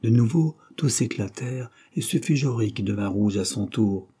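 Fields: low, husky male audiobook narrator. Style: classic novel reading. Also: dark tone. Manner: measured, literary reading.

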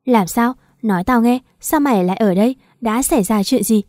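A woman voicing a brash, foul-mouthed older friend in an audio story, speaking loudly, impatiently and with constant scolding. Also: a little high, a little fast, no room sound, clean studio sound, lightly acted.

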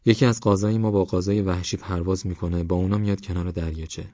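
A man's voice: deep voice, steady tone, warm tone, no echo, lightly acted. A man voicing a shy evasive village girl. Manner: short, evasive answers. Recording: dull lo-fi audiobook with faint music.

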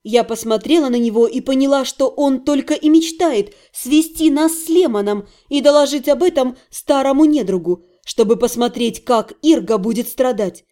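High-voiced woman reading an audiobook. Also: moderate pace, hardly any pauses, warm tone. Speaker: audiobook narrator. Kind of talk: first-person audiobook narration.

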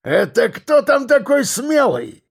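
A menacing convict gang boss, as a male narrator puts him on, barking threats in coarse prison slang. The voice sits high, lurches all over the place and scrapes with a gravelly grit. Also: huge pitch swings, slow pace, heavily acted. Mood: threatening. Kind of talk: audiobook character voice.

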